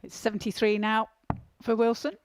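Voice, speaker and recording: A man's voice: high-pitched, completely flat delivery, normal speed, background noise. A man giving live play-by-play darts commentary in clipped phrases that follow each dart.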